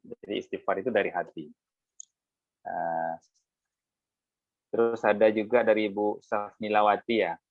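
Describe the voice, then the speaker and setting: A man moderating a religious discussion over a video call, speaking slowly and hesitantly with many fillers. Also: on the low side, fairly even intonation, no room sound. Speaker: moderator of the study session. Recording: tinny video-call audio.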